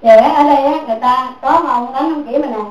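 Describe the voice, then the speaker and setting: High-voiced woman giving a dharma talk. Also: quick pace, a little mellow. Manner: repetitive, keeps asking listeners "right?". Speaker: Buddhist teacher. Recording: echoey room, mic far off.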